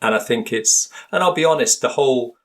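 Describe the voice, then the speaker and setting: A British linguist and author appears as a guest on a conversational podcast, speaking a little fast in an animated, mid-range, fairly bright voice. He's thoughtful and hesitant, frequently rephrasing as he explains.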